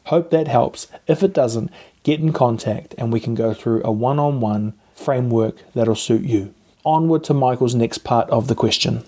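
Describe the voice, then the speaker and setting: A man's voice: medium pitch, mellow. A man hosting an advice podcast in a casual, encouraging coaching way, recorded on a lapel mic. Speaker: podcast host. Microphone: lapel mic plugged into a phone.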